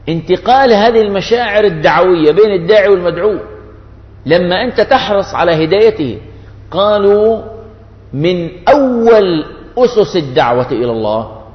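A man preaching, earnest and pleading. His voice sits fairly high and carries through a long, echoing hall. The recording is dull and lo-fi. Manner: earnest, shifts between colloquial dialect and classical Arabic. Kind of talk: sermon. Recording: echoey hall, dull lo-fi sound.

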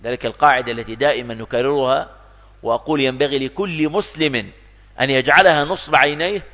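A man's voice: medium pitch, fast talker. Male preacher in a hall. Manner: lively, rhetorical, quoting and acting out imagined speakers. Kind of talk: sermon. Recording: dull echoey hall.

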